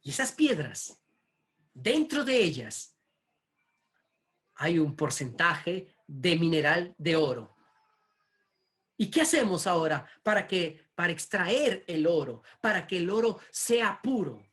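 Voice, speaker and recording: Slow, emphatic preacher. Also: mid-range voice, big pitch swings, a bit bright. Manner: slow, emphatic, rhetorical questions. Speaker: pastor. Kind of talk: sermon.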